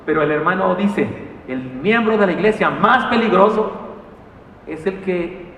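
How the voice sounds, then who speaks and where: A man preaching a sermon in a church, animated and telling stories with humor and asides. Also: sits high, measured pace, distant mic, a little hiss or hum. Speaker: pastor. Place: church sanctuary. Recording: echoey hall, mic from afar.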